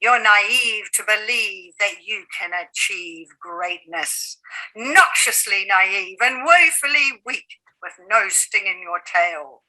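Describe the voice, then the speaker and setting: A woman poet delivers a dramatic recital in a very bright, forceful voice. She takes her time over the words and reads with theatrical emphasis at a middle pitch. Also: animated, takes it slowly, poor audio. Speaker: poet reading her own work.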